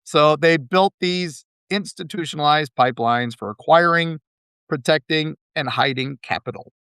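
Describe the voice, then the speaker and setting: This podcast host has a fairly high, slightly bright male voice that sounds clear and resonant, delivered at normal speed. He rambles casually through history, laughing often and using plenty of fillers. The studio-quality recording has no room sound.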